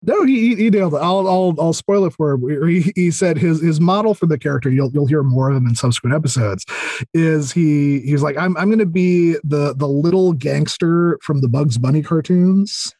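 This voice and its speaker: As a guest on a podcast, an audio drama creator rambles enthusiastically in a casual interview chat, frequently repeating himself and restarting sentences. His voice is on the high side and dark-toned, at a moderate pace, in a dry recording.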